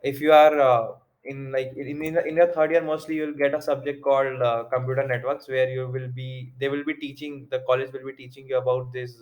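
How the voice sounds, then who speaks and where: A young man with a North Indian accent giving an informal tech tutorial, haltingly thinking aloud as he works through the steps. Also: mid-range voice. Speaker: tutorial presenter. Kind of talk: informal screen-recorded tech walkthrough.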